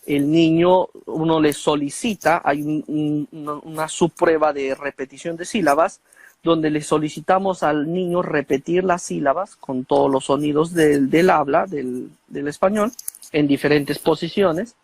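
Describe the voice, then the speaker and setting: A man's voice: on the high side, steady tone, a little slow, vocal fry, no room sound. Dry-voiced man explaining at length. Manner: didactic, with frequent fillers and tag questions. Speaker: guest expert on speech disorders. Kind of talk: explanatory conversation.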